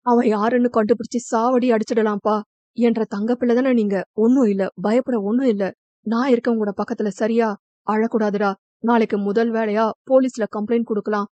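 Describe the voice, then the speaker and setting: A woman voicing a protective young man who gently reassures in a storybook reading. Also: fairly high pitch, steady tone, brisk, dry recording, highs cut off, lightly acted. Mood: soothing.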